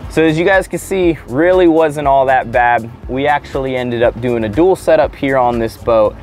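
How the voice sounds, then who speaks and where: A man's voice: medium pitch, normal speed. Upbeat man hosting an outdoor boat vlog. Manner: upbeat, relaxed explaining to viewers. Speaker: channel host. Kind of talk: casual how-to vlog. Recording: faint music underneath.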